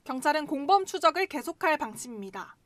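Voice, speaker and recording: A woman's voice: high voice, sing-song, fast talker, a bit bright. A woman narrating a scripted news report as a reporter.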